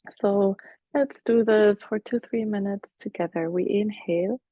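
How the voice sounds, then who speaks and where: A woman leading a guided breathing meditation as a teacher, speaking softly and soothingly, with some cues half whispered. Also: mid-range voice, no echo. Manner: soft, slow, soothing guidance with whispered cues.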